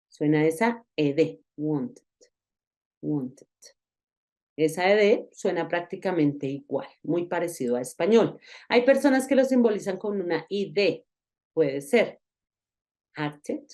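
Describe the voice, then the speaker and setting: A woman giving a recorded online lesson, explaining patiently and repeating example words slowly. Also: on the low side, expressive, mellow. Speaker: English teacher.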